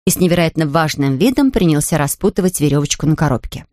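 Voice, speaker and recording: A woman narrates a children's storybook in a lively, expressive way. Her voice sits on the lower side and sounds dry and close to the mic. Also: quick pace, no room sound. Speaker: audiobook narrator.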